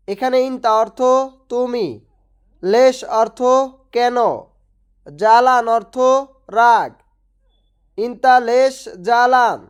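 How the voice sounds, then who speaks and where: A woman with a fairly high, crisp voice narrates a scripted language lesson. She takes her time, breaking each phrase into single words and repeating them in an even, patient way. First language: Bengali. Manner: slow, even, repetitive drilling of phrases. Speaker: language teacher.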